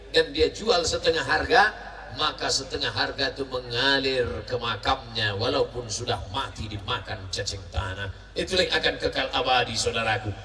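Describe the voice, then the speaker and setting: A man preaching a sermon at a large gathering, animated and theatrical, shouting at climaxes and acting out voices. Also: on the high side. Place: large outdoor religious gathering. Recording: echoey, distant, noisy crowd ambience.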